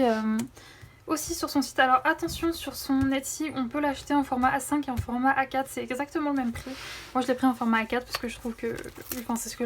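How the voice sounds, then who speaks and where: A woman's voice: high-pitched, a little hiss or hum. A young woman chatting enthusiastically through a coloring book haul, with many fillers. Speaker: coloring vlogger. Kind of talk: casual haul vlog. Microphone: phone camera.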